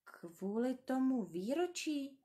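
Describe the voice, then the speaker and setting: A woman voicing a grown man, a kind and worried pilot, speaking low and hesitantly in a storybook reading. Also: lively intonation, warm tone, close to an everyday voice. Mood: uneasy.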